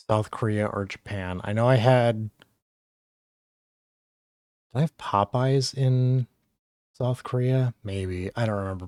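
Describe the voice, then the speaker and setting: A man's voice: mid-range voice, darkish tone, dry recording, studio quality. A man from the United States chatting casually as a host, giving blunt opinions and swearing freely. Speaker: host of a tier-list discussion. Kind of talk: casual chat, ranking fast food.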